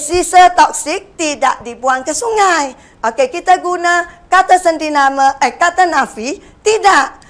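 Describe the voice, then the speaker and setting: A woman's voice: high voice, fairly bright tone. An older woman teacher with a Malaysian Malay accent, giving a grammar lesson to young pupils and answering her own questions. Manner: asks pupils questions and answers them herself, saying "okey" often; slows down and stresses key phrases for pupils to repeat. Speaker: primary school Malay language teacher.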